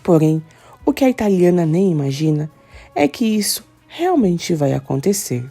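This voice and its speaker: Uma mulher narrando em tom dramático o resumo de uma novela, em narração roteirizada para um canal. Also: female voice, lowish voice, very animated, normal speed, warm tone, soft background music. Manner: dramatic storytelling, asks for likes. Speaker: soap opera recap narrator. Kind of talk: scripted narration.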